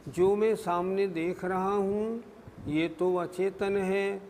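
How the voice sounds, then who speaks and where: A man's voice: high voice, a little mellow, big-room sound, a little hiss or hum. A man giving a scriptural discourse as a religious scholar, explaining patiently and answering his own questions.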